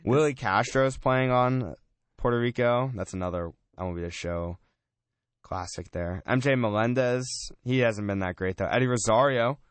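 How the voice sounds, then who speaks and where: A man hosting a casual sports talk show on college radio, chatty and relaxed, often saying "man" and "I mean". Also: mid-range voice, normal speed, clean tone, dry recording.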